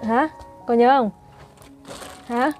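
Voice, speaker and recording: A woman's voice: on the high side, takes it slowly, a little mellow, faint music behind. A young woman vlogger chatting on a family video call, coaxing with short repeated questions and lots of fillers. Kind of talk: casual chat.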